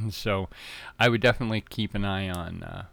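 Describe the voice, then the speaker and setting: Podcast guy, low smooth voice, dry close sound, kinda rambly and tongue-tied. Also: normal speed, fairly bright tone, dry recording. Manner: rambling, many fillers and restarts. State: tongue-tied early in the morning. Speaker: podcast host. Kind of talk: casual podcast recap.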